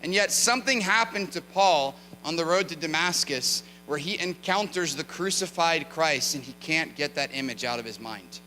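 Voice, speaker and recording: A man's voice: on the high side, moderate pace, few pauses, a little hiss or hum. Storytelling male preacher in a reverberant church. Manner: conversational, animated storytelling with asides to the congregation. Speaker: guest preacher. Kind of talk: sermon with storytelling. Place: church sanctuary.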